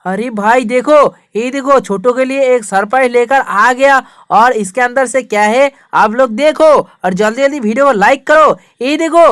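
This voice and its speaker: Woman doing a kids toy video, high voice, bossy then hyped, dry mic. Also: normal speed, few pauses, no room sound. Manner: scolding, then showy and upbeat. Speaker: toy video host playing big brother. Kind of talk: toy play-acting for kids.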